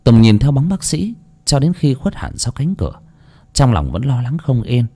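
A man reads an audio story aloud. His narration moves freely up and down in pitch, expressive and steady in pace. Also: moderate pace.

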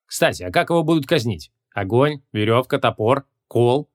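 A man voicing a hot-tempered ancient male archmage, gruff and imperious, in an audiobook. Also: medium pitch, lively intonation, moderate pace, close to an everyday voice.

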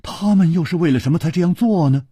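A man's voice: a little high, quick pace, breathy edge, dry recording, clean studio sound, voice pushed up. A man voicing a boisterous, hearty male swordsman in a storytelling reading. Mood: puzzled, eager. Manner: loud, laughing, excited.

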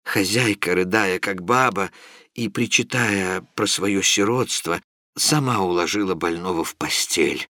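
A man reading classic fiction aloud as an audiobook narrator, in a measured, expressive way. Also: sits low, no echo, clean studio sound.

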